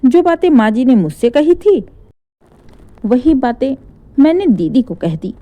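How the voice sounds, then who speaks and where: A woman puts on a crafty young daughter-in-law who pleads in a sweet, mock-innocent tone. Her voice sits high and swings widely in pitch, soft and mellow in tone. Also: very animated, a little slow.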